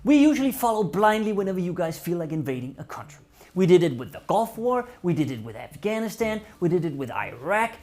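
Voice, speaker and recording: Speaking with a Danish accent, a Danish man delivers a scripted satirical address to camera, dry, sarcastic and mock-polite. His high, slightly mellow voice is very animated and brisk, with hardly any pauses.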